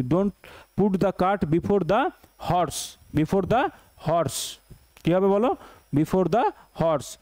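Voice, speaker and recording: Man with a Bengali accent, exam-prep English teacher, high voice, mellow tone, dry close sound. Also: no room sound. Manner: repeats each question and answer as a drill, addressing students as "sir". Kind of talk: online exam-prep lesson, call-and-response drilling.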